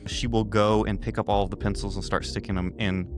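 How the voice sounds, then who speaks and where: A low-pitched man runs a tabletop game as its game master. He narrates in a steady, measured way, with music playing behind him.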